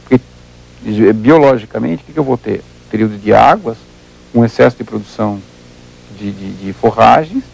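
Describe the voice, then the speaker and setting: A man's voice: mid-range voice, creaky, darkish tone, slightly rough, rough recording. A Brazilian man, a livestock researcher as an interview guest, explaining at length and working through examples, often repeating words as he thinks.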